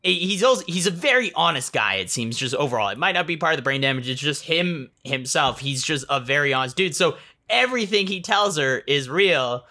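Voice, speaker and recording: This is a relaxed co-host talking through a movie's plot in casual chat. The voice is bright and crisp at a mid pitch, and the delivery wanders, with frequent restarts and little acted-out quotes of the characters. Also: a little fast. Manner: rambling, restarts often, acts out characters' lines. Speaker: film podcast co-host.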